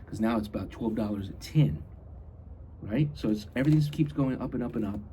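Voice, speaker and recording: A man's voice: fairly low pitch, brisk, warm tone, slight background noise. A man chatting casually and rambling as a hobby vlogger, blunt and grumbling, with some mild swearing.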